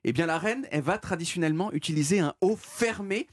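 A man's voice: a little high, quick pace, no room sound. A man giving a playful, self-mocking radio segment into a studio mic, explaining things. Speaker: radio columnist.

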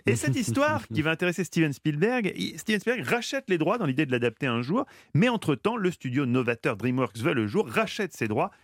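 A man's voice: a little high, very animated, brisk, hardly any pauses, dry recording. A man delivering a comic radio chronicle in a studio, playful and ironic, with teasing asides to the host. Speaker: radio columnist.

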